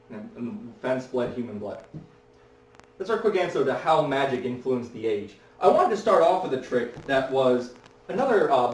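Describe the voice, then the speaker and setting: A man's voice: medium pitch, slight background noise. A man performing as a stage magician at a fair, telling stories in a chatty way with many fillers and restarts. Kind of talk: live storytelling performance. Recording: echoey, distant mic, faint ambience.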